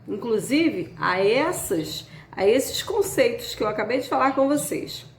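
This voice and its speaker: A woman teacher, slowly and patiently walking students through a worksheet item by item. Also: on the high side, very animated, vocal fry, a little hiss or hum. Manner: slow, patient, spells out each item. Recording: echoey room, faint background ambience.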